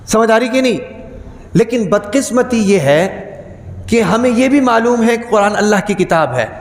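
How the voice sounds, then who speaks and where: A preacher with an animated, high-sitting voice gives a Friday sermon, repeatedly putting rhetorical questions to the congregation and stressing key words through repetition. The hall is echoey with long reverb.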